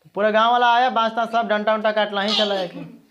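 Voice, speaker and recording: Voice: mid-range voice, quick pace, muffled recording, a crowd in the background. Chatty storyteller. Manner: lively, chatty, checking in with listeners. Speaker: teacher telling a story. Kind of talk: classroom folk-tale storytelling.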